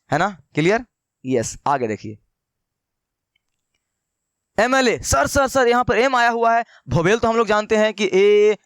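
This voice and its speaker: Brief: male tutor, high and smooth voice, dry close sound, asks his own questions and repeats points. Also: no echo. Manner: slows down to dictate notes. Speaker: English teacher. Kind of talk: online grammar lesson.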